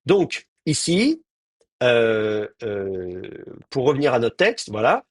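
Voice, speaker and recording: Male teacher, husky voice, dry close recording, hesitant explanatory delivery. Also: mid-range voice, very animated, takes it slowly, no room sound. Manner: explanatory, hesitant with many fillers. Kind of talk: online class lecture.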